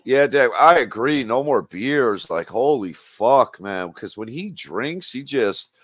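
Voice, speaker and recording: A man's voice: mid-range voice, expressive, takes it slowly, a bit bright, no echo. A man hosting a casual livestream chat, talking in a blunt, profane and mocking way. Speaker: livestream host.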